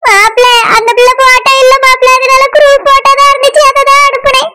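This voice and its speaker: Woman voicing a desperate begging mother in a cartoon, squeaky high voice, noisy track. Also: flat delivery, fast talker. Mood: pleading. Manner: begs and repeats terms of respect. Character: pleading mother of the daughter-in-law, older woman. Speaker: mother begging her in-laws.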